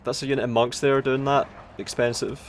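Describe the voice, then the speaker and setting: Game battle sounds fill the background as an esports commentator from Aberdeen, speaking Doric-accented Scots English, works through a strategy match. His commentary is live, casual and sweary, halting as he thinks aloud, delivered at medium pitch in a level tone.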